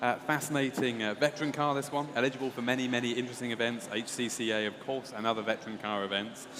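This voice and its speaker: Mid-voiced man describing auction lots off the cuff, measured and halting, with long hall reverb. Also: medium pitch, flat delivery, a crowd in the background. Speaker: auction specialist presenting the lots. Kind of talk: semi-improvised lot commentary. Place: large auction room. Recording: echoey hall with some background noise.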